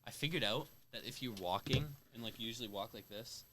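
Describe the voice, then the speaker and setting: A young man co-hosting a casual podcast chat, brash and quick to laugh. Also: mid-range voice, a little hiss or hum. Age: young adult. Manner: brash, laughs often, talks loud and fast at times. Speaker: podcast co-host.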